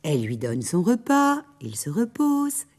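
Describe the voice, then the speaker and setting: A woman narrating a children's story aloud in an expressive, dramatic way. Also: fairly low pitch, a little slow.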